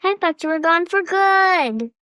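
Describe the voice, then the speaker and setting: A woman voicing a small, brave village boy who yells eagerly. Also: extremely high pitch, expressive, unhurried, no room sound, clean studio sound, voice pushed up, full character voice. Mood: urgent. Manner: eager, yelling up.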